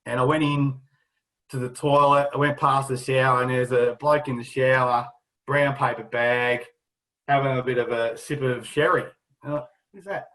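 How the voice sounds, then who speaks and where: A man's voice: medium pitch, little pitch movement, moderate pace, fairly bright tone, low-quality recording. A man, a former footballer, casually telling old club anecdotes with a laugh in his voice. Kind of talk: casual storytelling.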